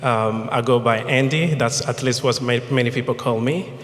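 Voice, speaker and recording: A man's voice: medium pitch, moderate pace, slight background noise. A young man from the Democratic Republic of Congo introducing himself politely on a live panel. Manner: composed, polite. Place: event stage. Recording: echoey hall reverb.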